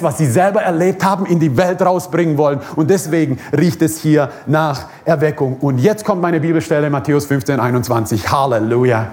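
A man's voice: high-pitched, a little mellow. A man preaching a sermon at a church service, emphatic, repeating his key phrases and chuckling now and then.

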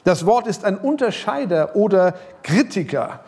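A middle-aged male pastor preaching a sermon, talking casually and directly to his listeners, his voice rising and falling. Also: normal speed. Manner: lively preaching, pitch rising and sinking, some quiet passages; casual, direct address with English loanwords.

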